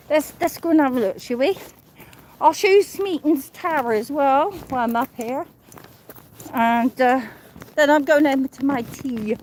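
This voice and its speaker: A high-voiced woman chats her way through a night-time walking tour, a little short of breath. She rambles, circles back and restarts her phrases. Her phone picks her up outdoors, with faint street noise behind her. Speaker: vlogger. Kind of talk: casual live walking tour. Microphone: phone held while walking.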